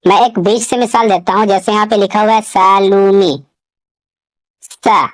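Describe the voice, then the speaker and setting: A woman teaching a beginners' reading lesson, explaining step by step and sounding out each syllable slowly. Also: medium pitch, steady tone.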